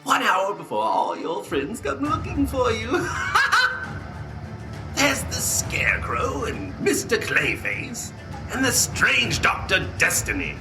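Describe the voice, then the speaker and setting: Sadistic clown villain: high, slow, mocking, theatrical cackle. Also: male voice, wildly swooping pitch, music in the background, heavily acted, rough recording. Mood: taunting. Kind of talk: audio drama acting.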